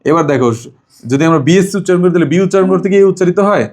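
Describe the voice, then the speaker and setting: A man's voice: high voice, rapid-fire, a little mellow. A man teaching English grammar to a child, asking questions and repeating the answers. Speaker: English tutor. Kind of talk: home tutoring lesson.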